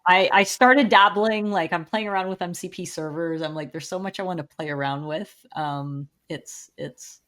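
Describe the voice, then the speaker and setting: A woman's voice: fairly low pitch, moderate pace, hardly any pauses, fairly bright tone. A woman in her forties, a podcast guest, speaking frankly and eagerly in casual conversation. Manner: enthusiastic, frank, many fillers.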